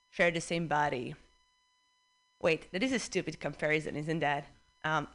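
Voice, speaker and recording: A young Czech woman delivers a stand-up set on a club stage, her accent plain in every line. Her voice sits on the low side, and she drops punchlines in a dry, deadpan way with small pauses. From Czech Republic. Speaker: stand-up comedian.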